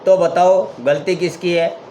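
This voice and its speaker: A man giving a spiritual talk, retelling a parable step by step and stopping to ask his listeners questions. His voice sits a little high for a man. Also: fairly even intonation, unhurried, mellow, slight background noise. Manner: explains by retelling and rhetorical questions. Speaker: spiritual speaker.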